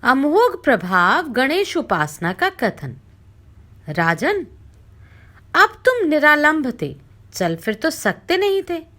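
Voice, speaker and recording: A woman reading a scripture story aloud as narrator, with expressive recitation that dips low when addressing the king. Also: slow pace.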